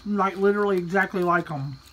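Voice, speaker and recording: A woman's voice: lowish voice, fairly quick, a bit bright. A middle-aged mother, chatting playfully and joking while tasting snacks with her kids. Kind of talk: casual chat. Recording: noisy home recording.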